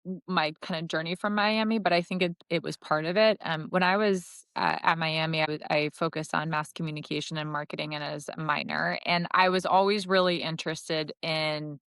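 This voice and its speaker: A Connecticut woman in middle age, a marketing executive, guests on a podcast and talks casually about her career, stopping now and then to rephrase. Her low voice is smooth, clear and a bit bright, with fairly even intonation. She comes across as thoughtful and self-correcting, with light laughs, and the recording is dry and close with no room sound.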